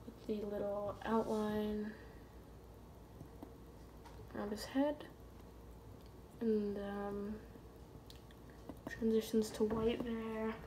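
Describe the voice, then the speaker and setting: A woman reviews a small model plane in a casual, halting way, pausing often and filling gaps with ums. Her speech is slow and fairly level in tone, recorded on a phone camera indoors at home with a faint hiss behind her. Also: mid-range voice, warm tone. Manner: hesitant, many ums and pauses.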